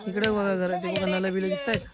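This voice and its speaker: A man with a Konkan Marathi accent, filming a casual outdoor vlog on a phone and excitedly calling out to friends. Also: sits high, quick pace. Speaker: vlogger. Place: outdoors in a village field. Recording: crowd noise outdoors. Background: crowd of villagers.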